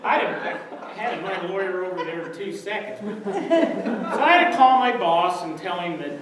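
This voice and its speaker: A man telling a comic story on stage, lively and laughing through his punchlines, recorded from far off in a large room. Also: high voice, moderate pace. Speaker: comedian. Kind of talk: stand-up storytelling. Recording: echoey hall from far off, noisy.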